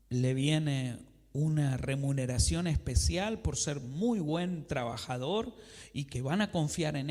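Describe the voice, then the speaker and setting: A man preaching a sermon in a church, who asks his congregation questions and answers them himself and acts out conversations between a believer and God. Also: fairly high pitch. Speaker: pastor. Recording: long reverb of a church hall.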